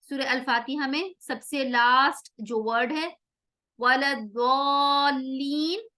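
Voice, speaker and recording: Woman teacher, high bright voice, slow patient explaining, repeats examples. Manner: patient, repeats each rule and drills example words slowly. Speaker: tajweed teacher. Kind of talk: explanatory lesson with recited examples.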